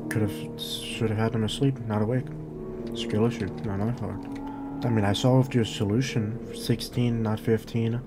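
A man's voice: on the low side, steady tone, measured pace, over loud music. A man hosting a let's play, chatting casually and making sarcastic jokes while playing a horror game. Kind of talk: casual gameplay commentary.

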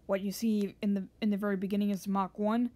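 A woman talking casually about her video thumbnails as she shows them, rambling and excited, often restarting her sentences. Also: mid-range voice, quick pace. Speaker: channel owner showing thumbnails. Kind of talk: casual screen-share narration.

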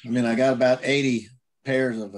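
A man's voice: mid-range voice, steady tone, brisk, a little hiss or hum. A plainspoken man chatting casually as a participant on a video call. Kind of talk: casual chat.

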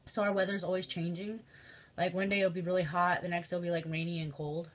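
A woman's voice: lowish voice, flat delivery, brisk, a little hiss or hum. A young woman with a Midwestern American accent and a stuffy, sniffly nose, chatting casually through a makeup tutorial with lots of ums and likes. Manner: chatty, filler-heavy, says um and like often. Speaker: beauty vlogger.

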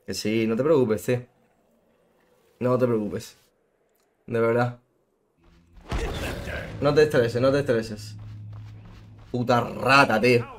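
A man's voice: mid-range voice, fairly even intonation, slow pace, pauses often, slight background noise. A young man streaming a game, swearing and ranting at opponents between sarcastic mutters. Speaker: gaming streamer. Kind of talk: live gameplay commentary.

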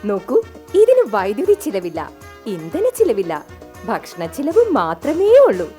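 A woman's voice: mid-range voice, wildly swooping pitch, a little slow, music in the background. A woman with a Malayali accent playing a bossy wife in a stage comedy skit, announcing in a showy, salesy manner as if in an advert.

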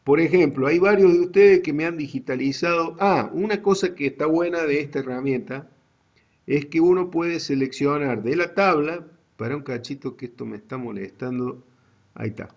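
Un hombre con acento argentino que da una clase universitaria en línea, explicando con calma y paso a paso. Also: male voice, a little high, highs cut off. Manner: slow, deliberate explaining to students. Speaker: university GIS teacher. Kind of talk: online class lecture.

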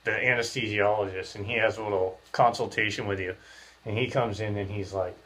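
A man's voice: on the low side, steady tone, brisk, a bit bright. A man in his thirties hosting a casual podcast, speaking through clenched teeth with his jaw wired shut, rambling and slangy. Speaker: podcast host. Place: small bare room, indoors.

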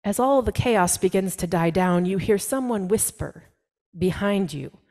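A woman pastor delivering a storytelling sermon in the second person, with dramatic pauses and quoted voices. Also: medium pitch, lively intonation, a little mellow.

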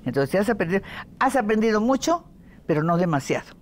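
An older woman with a Mexican Spanish accent, a veteran voice actress chatting in an interview, telling lively stories and mimicking voices. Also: medium pitch, fast talker, a little hiss or hum. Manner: lively storytelling with playful voice imitations. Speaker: voice actress and dubbing director. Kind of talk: casual interview chat.

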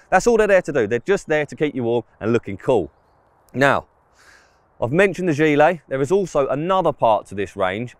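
This presenter of fishing clothing reviews speaks in a mid-range voice, offering a plain, casual product review straight to camera. He's outside in an open grass field, close-miked, with no room sound.

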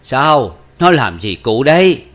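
A man's voice: mid-range voice, moderate pace, pitched above the performer's own voice, close to an everyday voice. A man reading an audiobook, voicing a good-humored older village man who teases in a raised voice. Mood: teasing. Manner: teasing, chuckling.

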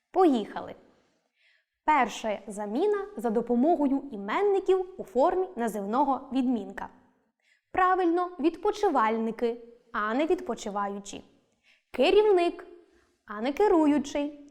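A woman teacher reading a scripted lesson, clear and deliberate, stressing each example word. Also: on the high side, a little mellow.

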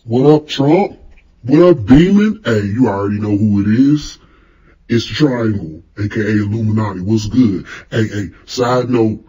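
A man playing a cocky, slangy secret-society boss in a comedy skit, leaving a rambling, casual voicemail in a husky voice. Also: fairly low pitch, expressive, moderate pace, mellow, muffled recording. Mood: cocky, chummy.

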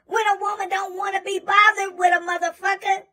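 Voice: very high voice, level tone, a little fast, bright, forceful tone, far from the mic. A performer voicing a profane male monkey who preaches blunt advice in a comic rant. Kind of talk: comedic monologue.

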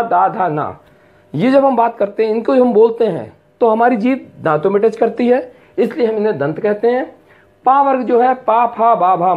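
Male tutor, lively pitch, drills sounds one by one, muffled lo-fi sound. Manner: spells out sounds slowly and repeats them, mixing in English words. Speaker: teacher. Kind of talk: classroom lesson. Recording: dull lo-fi recording.

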